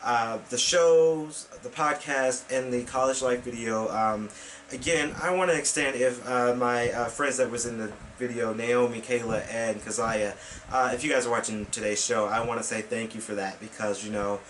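A man's voice: medium pitch, fairly even intonation, normal speed, fairly bright tone, slight background noise, rough recording. Young man rambling in a home vlog. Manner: rambling with many fillers and restarts; gestures with hands while talking. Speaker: vlog host. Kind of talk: casual vlog talk to camera. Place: small bedroom with computer desk, indoors.

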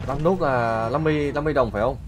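A man's voice: mid-range voice, rapid-fire, music in the background, natural voice. A man role-playing a laid-back male taxi passenger in a game, easygoing and mildly protesting. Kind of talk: game role-play banter.

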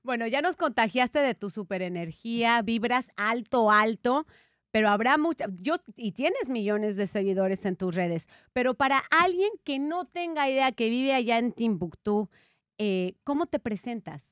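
A middle-aged woman hosts an interview, asking questions casually and reacting with quick encouraging sounds. Her voice is a touch high. The studio sound is close and dry. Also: animated, a bit bright, no echo. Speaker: podcast host. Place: podcast studio, indoors. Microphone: studio mic on boom arm.

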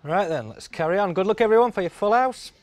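A man's voice: high voice, expressive, fast, a little mellow, no echo. A middle-aged man calling bingo numbers on a TV show in a sing-song, repetitive patter. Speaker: bingo caller. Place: TV studio.

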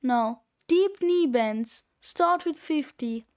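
A woman reading aloud, voicing a gruff middle-aged male gym coach who barks deadpan orders. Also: sits high, takes it slowly.

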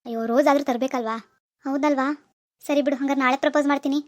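A woman's voice: high voice, steady tone, very fast, dry recording, clean studio sound, lightly acted. A woman voicing a timid, lovesick young village man in a cartoon, hesitant and gloomy. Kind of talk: cartoon dialogue.

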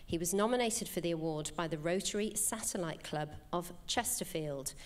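A woman's voice: on the low side, moderate pace. A woman hosting an awards ceremony, presenting winners and asking upbeat, encouraging questions. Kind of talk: presenting and on-stage interviewing.

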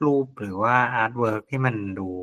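A man's voice: medium pitch, fairly even intonation, a little slow, a bit bright, dry recording. A man co-hosting a casual Thai podcast, musing as he reads out a list of suggestions. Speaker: podcast host. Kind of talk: casual chat.

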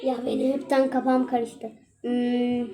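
A woman's voice: on the high side, completely flat delivery, slow, warm tone. A young woman chatting casually and exclaiming as she plays a mobile game for her channel. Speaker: gaming channel host.

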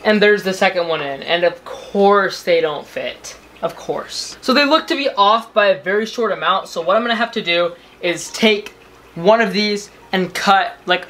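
In a home room full of fish tanks, mostly indoors, a young adult American man chats and narrates to the camera for his aquarium hobby vlog. His high voice comes across pushed and bright.

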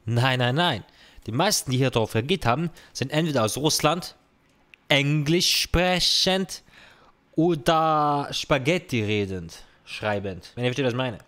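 A man's voice: medium pitch, measured pace, fairly bright tone. A young man, reacting casually to comments on his own video, dropping slang and English phrases. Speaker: content creator.

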